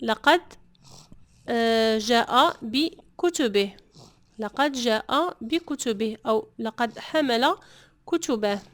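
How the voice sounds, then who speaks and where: A woman teaches a French grammar lesson in a measured, unhurried voice pitched a little high. She says each example sentence slowly, repeats it, then translates it. The recording is dry and close, with no room echo. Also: animated. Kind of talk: slow, deliberate grammar lesson.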